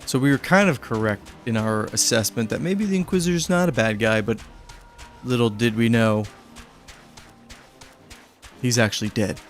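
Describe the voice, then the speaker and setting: A man's voice: medium pitch, moderate pace, pauses often, faint music behind. A man streaming a game, chatting casually and joking with the characters on screen. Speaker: gaming streamer. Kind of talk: casual gameplay commentary.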